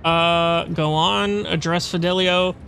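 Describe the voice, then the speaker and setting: A man's voice: a little high, steady tone, slow pace, creaky, bright, forceful tone, a little hiss or hum. A man reading game dialogue aloud and commenting in a casual, sweary, reactive way as a let's play streamer. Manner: informal, reactive.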